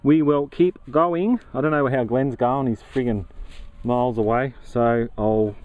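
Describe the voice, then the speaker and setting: A man's voice: mid-range voice, a little slow, dry recording, phone-quality sound. An Australian man narrating casually while metal detecting outdoors, chatty and easygoing with plenty of slang. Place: outdoors in a grassy paddock.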